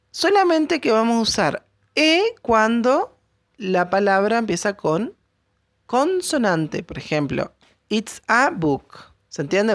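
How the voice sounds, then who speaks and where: Slow, patient woman teaching English. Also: mid-range voice, no echo, studio quality. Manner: explains slowly, checks in with a questioning tag after each point. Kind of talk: recorded classroom lesson.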